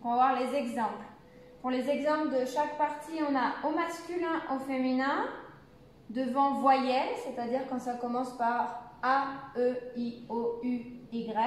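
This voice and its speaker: A woman from France, a university French teacher, giving a beginner lesson and slowly enunciating example phrases. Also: high-pitched, a little hiss or hum. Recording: very echoey room.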